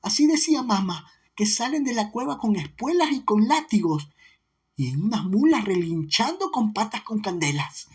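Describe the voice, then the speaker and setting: A man doing a husky tearful little peasant girl. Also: sing-song, normal speed, full character voice. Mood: tearful insistence. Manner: high, pleading, childlike.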